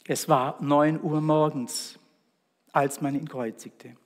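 A man delivers a Good Friday sermon with slow, solemn deliberation and weighty pauses. His voice sits a little high for a man. The sound rings out with the long reverb of a church hall. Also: steady tone. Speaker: preacher.

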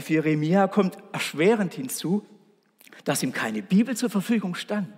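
A male preacher delivers a sermon in an earnest, storytelling way, turning often to speak straight to his listeners. His voice sits slightly high with a husky edge. The sound carries the long reverb of a large hall. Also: a little mellow. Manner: earnest, storytelling, addresses congregation directly.

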